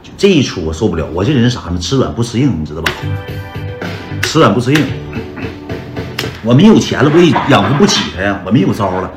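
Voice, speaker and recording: A man with a Northeastern Mandarin accent and a voice on the low side recounts his own story on a livestream, very animated and fast yet pausing often. Chatty by nature, he keeps calling his viewers brothers, with roomy echo and loud background music in the recording.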